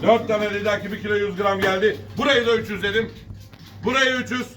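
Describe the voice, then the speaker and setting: A man's voice: high voice, fairly even intonation, fairly quick, music in the background. A man working as a fish auctioneer, calling weights and prices in repeated sing-song calls for bids. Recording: distant mic, noisy market, birds cooing.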